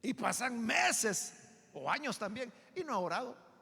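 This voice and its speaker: A man's voice: very high-pitched, very animated, a little slow, creaky, bright, forceful tone, slightly rough, long reverb tail. A Salvadoran pastor teaching a Bible study sermon in a church. He explains emphatically and often asks listeners to agree. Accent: Salvadoran Spanish.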